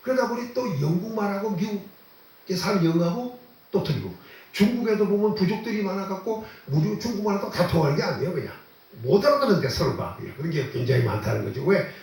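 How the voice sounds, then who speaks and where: Male pastor, conversational sermon, lively shifting pitch, asks and answers his own questions, very reverberant room with a distant mic. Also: vocal fry. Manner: conversational preaching with rhetorical questions; repeats phrases for emphasis. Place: church sanctuary.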